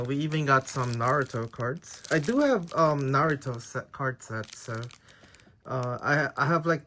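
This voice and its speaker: A trading card collector whose first language is Tagalog casually shows off his card haul, often unsure of the details. His mid-range voice has a sharp tone, and there's a little hiss or hum on the recording.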